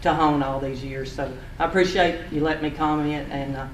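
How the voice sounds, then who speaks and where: A man speaking for a local hospital at a county meeting, earnest and steady with a faith-minded tone. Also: fairly high pitch, a little fast. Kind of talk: closing public remarks. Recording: echoey hall, distant mic, faint hiss.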